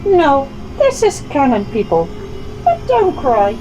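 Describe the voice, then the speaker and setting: A woman's voice: high-pitched, huge pitch swings, slow pace, music in the background, heavily acted, poor audio. A woman playing a plucky, flippant magical fox heroine in a playful, theatrical hobby film performance. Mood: tender, flippant. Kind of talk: hobby convention film acting.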